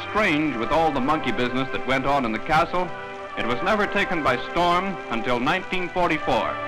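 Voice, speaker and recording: A man reads a 1940s wartime newsreel in a slightly raised register, brisk and fond of wisecracks. His delivery is polished, scripted announcer narration. A music score plays clearly underneath him. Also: on the high side, poor audio.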